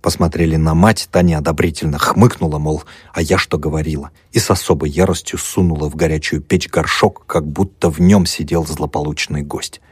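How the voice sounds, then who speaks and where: A male audiobook narrator with a very deep, husky voice reads at a measured pace. The recording is dry and close, with no room sound. His delivery stays quiet and even. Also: dry recording. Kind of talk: scripted narration.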